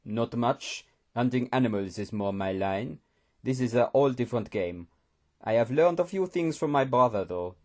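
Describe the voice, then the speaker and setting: A man voicing a seasoned male hunter who speaks in a low, measured, gruff way with slightly odd phrasing. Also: lively intonation, darkish tone, lightly acted. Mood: calm.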